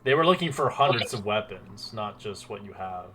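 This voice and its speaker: A man narrating as game master of a tabletop game, halting and restarting as he describes the scene. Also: fairly low pitch, lively intonation, crowd noise. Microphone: home mic on a voice call.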